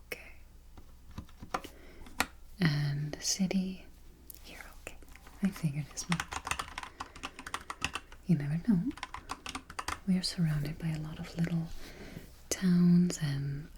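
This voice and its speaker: Playing a friendly, patient small-town librarian registering a patron, this ASMR performer speaks in a low, breathy, soft-spoken library whisper with gentle, reassuring murmurs. The recording is close and noisy, and keyboard clicking can be heard.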